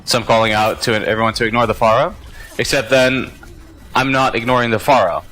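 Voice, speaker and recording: A man's voice: medium pitch, steady tone, a little fast, bright, forceful tone, low-quality recording. A man giving reflective, self-critical commentary on his own match, with hesitant fillers between thoughts. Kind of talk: gameplay commentary.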